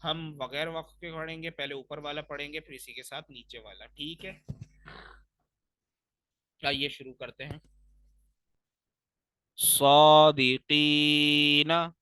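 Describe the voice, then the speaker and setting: A young male Quran teacher from Pakistan who explains recitation rules patiently, step by step, and stretches the recited words slowly and loudly. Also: on the high side, fairly even intonation, no room sound.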